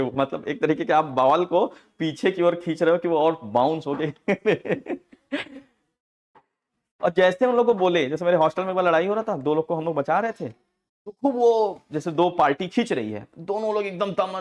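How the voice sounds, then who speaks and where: A man teaching accounting software in a casual class, telling stories with frequent laughs and acting out the people in them. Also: on the high side, animated, brisk, highs cut off. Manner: chatty storytelling, laughing often, acting out quoted people.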